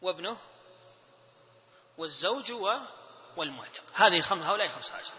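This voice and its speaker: Male teacher, high voice, classroom quiz drill, long reverb on a dull lo-fi recording. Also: lively intonation, a little fast. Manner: drills lists, prompting students with short questions. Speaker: teacher of Islamic inheritance law. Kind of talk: classroom lesson with student quizzing. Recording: reverberant room, dull lo-fi sound.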